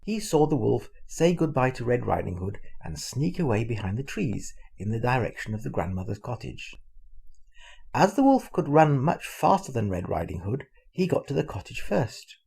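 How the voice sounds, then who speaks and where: An older man reads a fairy tale aloud to his grandchildren. His delivery is animated, and his pitch moves widely. His voice is gravelly and husky. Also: normal speed. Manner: expressive, animated storytelling. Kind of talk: storybook reading.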